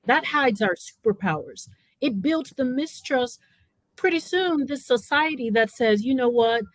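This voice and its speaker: A woman's voice: high voice, animated, measured pace, no room sound, poor audio. A woman from California who was raised in Africa, giving impassioned personal testimony as a panel speaker, emphatic and fond of rhetorical tag questions. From born in California, raised in Africa.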